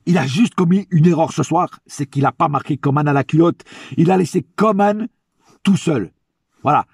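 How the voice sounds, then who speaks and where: High-pitched man ranting, husky and blunt. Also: moderate pace, dry recording, clean studio sound. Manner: opinionated, ranting, blunt, with swearing; repeats phrases for emphasis. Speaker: football fan vlogger giving player ratings. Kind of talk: casual, slangy match debrief monologue.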